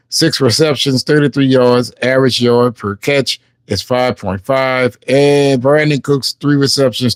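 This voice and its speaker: A man's voice: mid-range voice, dry recording. A man hosting a casual sports live stream. He reads game stats aloud and chats with viewers. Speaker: sports livestream host.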